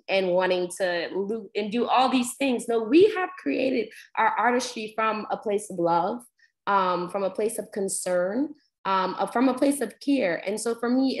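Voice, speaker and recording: A young woman from Guyana, raised in New York, leading an online poetry workshop as instructor, speaking earnestly with frequent ums. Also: mid-range voice. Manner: warm, earnest, many ums. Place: home room on video call. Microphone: laptop video call mic.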